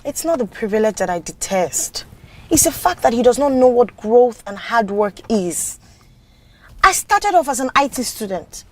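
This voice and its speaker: Tough company manager, sharp scolding tone, higher voice. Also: female voice, sing-song, normal speed. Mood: stern. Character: stern, driven woman manager who looks down on nepotism.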